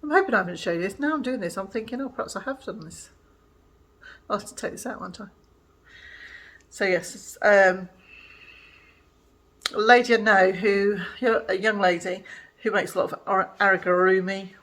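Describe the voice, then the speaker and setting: A woman's voice: mid-range voice, moderate pace, long pauses, fairly bright tone. An older woman chatting casually in a home crafting vlog, rambling with many fillers. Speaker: vlogger. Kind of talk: casual chat.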